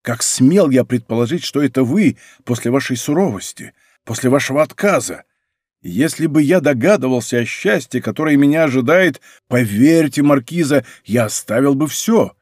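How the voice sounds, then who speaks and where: An ardent nobleman, as a male reader voices him, pleading with passion in a mid-pitched voice. The sound is close and dry, straight from a studio microphone. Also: expressive, normal speed, darkish tone, slightly rough, no echo. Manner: pleading, impassioned. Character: ardent lovesick nobleman minister. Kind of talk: audiobook character reading.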